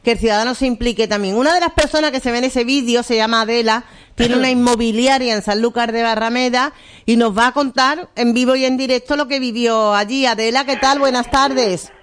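A man's voice: very high voice, steady tone, fairly quick, a bit bright, smooth. A man hosting a radio talk show, chatty and hesitant, interviewing a caller. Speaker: radio host.

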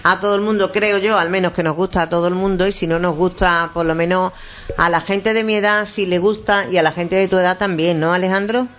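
A woman's voice: fairly low pitch, steady tone, a little fast, fairly bright tone. Chatty sixtyish woman radio host. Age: 60s. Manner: chatty, playful, restarts and repeats words. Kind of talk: live radio chat. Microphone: studio microphone.

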